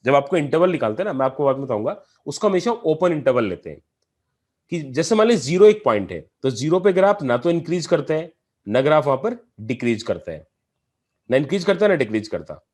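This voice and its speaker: A man's voice: on the high side, sing-song, fairly quick, darkish tone. A man teaching a calculus lesson, explaining step by step and asking his students questions as he goes. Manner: mixes in English math terms. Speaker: math teacher. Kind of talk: classroom lecture on calculus.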